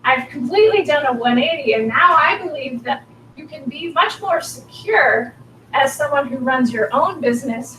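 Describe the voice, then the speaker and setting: A workshop speaker in her forties, with a high, somewhat bright voice, gives an earnest, encouraging presentation in a meeting room, her voice a little strained. The distant mic picks up room echo and slight background noise.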